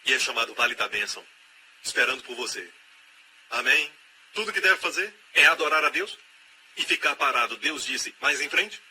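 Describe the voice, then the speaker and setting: A man with a Brazilian Portuguese accent, giving the voice-over of a sermon with emphatic preaching and loud repeated exhortations. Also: mid-range voice. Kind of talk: dubbed sermon. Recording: steady background noise.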